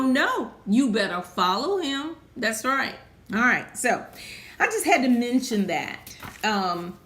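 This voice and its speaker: A woman preaching with fervent call-and-response energy, drawing words out for emphasis and leaping to high exclamations. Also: fairly bright tone. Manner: drawn-out emphatic phrasing. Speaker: preacher and health speaker. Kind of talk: preaching sermon mixed with health talk. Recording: echoey room.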